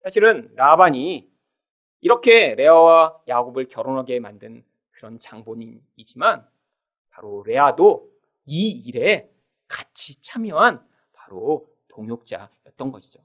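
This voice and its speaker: A man preaching a sermon as pastor, animated, often calling out to the congregation and acting out quoted voices. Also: medium pitch, a little slow. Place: church sanctuary.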